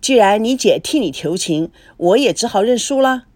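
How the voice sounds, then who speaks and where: A woman voices a smooth-talking, flirtatious middle-aged man for a storybook. He wheedles and jokes in a lively, swooping voice, recorded close and dry. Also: fairly high pitch, normal speed, dry recording, natural voice. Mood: flirty, glib. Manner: wheedling and glib.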